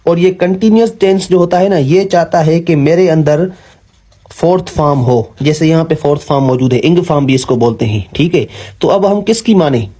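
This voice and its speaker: A young man teaching English grammar in a patient classroom style, often pausing with fillers and correcting himself. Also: on the high side, warm tone, slightly rough. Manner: patient, repeats "ठीक है", frequent fillers and self-corrections.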